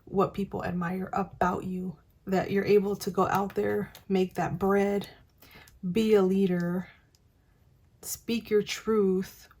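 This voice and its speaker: A woman's voice: medium pitch, creaky, darkish tone, breathy edge. A woman giving a casual, encouraging tarot reading to camera, chatty with many fillers. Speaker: tarot reader.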